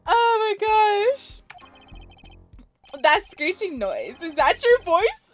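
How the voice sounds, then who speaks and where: High-pitched giggly woman streamer. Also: slow pace, faint music behind. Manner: giggly and excitable. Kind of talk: let's play commentary.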